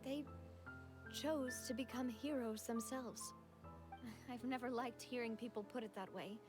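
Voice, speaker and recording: Woman playing Navia, gracious high-voiced young leader. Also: steady tone, lightly acted. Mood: sincere, sad. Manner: gentle, measured, sincere. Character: Navia, gracious young female leader, grieving yet composed. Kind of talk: video game voice acting. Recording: music behind the voice. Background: game music.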